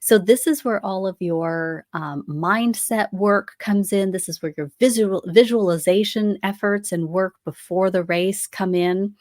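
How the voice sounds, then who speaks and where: A woman's voice: mid-range voice, a little mellow, no room sound, clean studio sound. A woman hosting a podcast, talking casually and explaining at length, with frequent ums, restarts and small laughs. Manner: chatty, many ums and restarts, light laughs. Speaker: podcast host.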